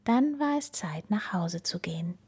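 A woman in whispered story reading, telling a children's story aloud in a slow, hushed way. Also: lowish voice, animated, breathy edge.

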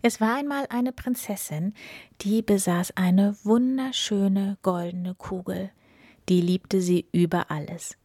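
A woman's voice: mid-range voice, fairly even intonation, slow pace, warm tone, no room sound, clean studio sound. A young woman hosting a storytelling show, welcoming listeners in a friendly, chatty way and then reading a fairy tale aloud. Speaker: storyteller host.

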